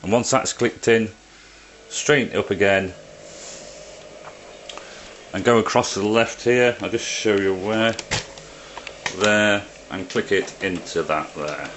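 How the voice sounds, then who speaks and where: Low-pitched man giving a hands-on tutorial. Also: takes it slowly, long pauses, a bit bright, a little hiss or hum. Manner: plain-spoken, step-by-step explaining. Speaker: presenter of a printer how-to video. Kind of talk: informal hands-on tutorial narration. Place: indoors beside a printer.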